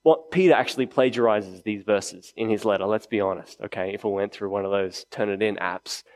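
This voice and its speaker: A man's voice: fairly low pitch, a little fast. A man preaching a sermon to a congregation in a conversational way, repeating key phrases for emphasis. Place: indoors, church meeting before a congregation.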